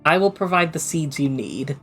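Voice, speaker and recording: A woman's voice: sits low, lively intonation, moderate pace, husky, soft background music. A woman streamer reading a visual novel aloud with friends, with casual hesitant asides.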